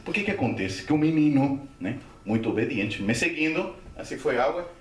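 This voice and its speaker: A man giving a Spiritist lecture, telling a story and acting out the voices with gasps and shouts. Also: medium pitch, expressive, fairly quick, a little hiss or hum. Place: lecture hall. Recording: echoey hall, from far off.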